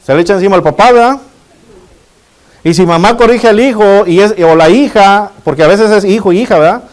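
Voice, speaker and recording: A man's voice: high voice, a little fast. A middle-aged man, preaching a sermon and asking his congregation rhetorical questions. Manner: addresses the congregation as brothers and asks rhetorical questions. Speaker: pastor.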